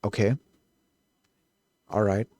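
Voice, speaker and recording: A man streaming himself coding, thinking aloud, who gets excited and keeps correcting himself mid-thought. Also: on the low side, slow, dry recording. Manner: excitable, self-correcting, trails off and restarts.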